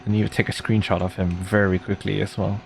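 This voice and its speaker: With a lowish, flat voice full of vocal fry, this man talks fast while streaming a game. His commentary is casual, slangy, and exclamatory, over faint game music.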